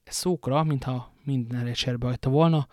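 A man narrates a novel in a measured, dramatic audiobook voice. His pitch sits in an average male range. The recording is dry and close, with no room sound. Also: steady tone, a little mellow, dry recording.

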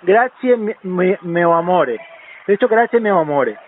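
A man's voice: high voice, sing-song, quick pace. A man playing a pompous, self-proclaimed world-famous doctor who talks theatrically and breaks into Italian crooning. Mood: indignant. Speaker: prank caller. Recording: tinny phone line with faint hiss.

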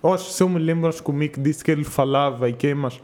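A man's voice: fairly high pitch, fast talker, a little mellow. A young man co-hosting a podcast in casual, slangy conversation with friends. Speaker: podcast co-host.

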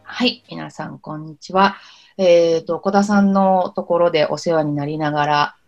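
A woman interpreter speaking as a podcast guest in a relaxed, thoughtful way, often pausing on soft fillers. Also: deep voice, highs cut off, faint music behind.

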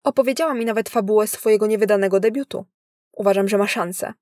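A woman's voice: mid-range voice, fast, dark tone, no echo, clean studio sound, lightly acted. A woman reading as a chatty father hooked on his phone. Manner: eager, talkative. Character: chatty middle-aged father, phone-addicted.

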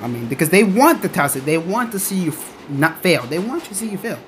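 A young adult rambling through a casual podcast-style rant in a halting, repetitive, emphatic way. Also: mid-range voice, sing-song. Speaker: podcaster, online content creator. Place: on board a train. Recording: noisy train ambience behind the voice. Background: train noise.

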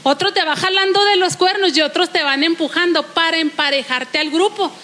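Pastora mexicana, sermón animado, voz alta y aguda, cuenta anécdotas con voces. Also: female voice, very high-pitched, a little fast. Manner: animated storytelling, acts out quoted voices. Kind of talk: sermon.

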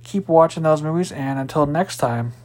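A man hosts a casual solo podcast, rambling chattily through new movie releases with fillers and restarts. His pitch is fairly high, his tone darkish, and he speaks at normal speed.

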